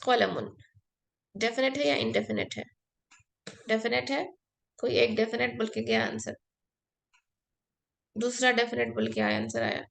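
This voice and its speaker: Woman Arabic tutor, fairly high voice, gravelly, patient step-by-step explainer. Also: steady tone, unhurried, long pauses. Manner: patient, explains step by step, mixes Hindi and English. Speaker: Arabic teacher. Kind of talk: online class lesson.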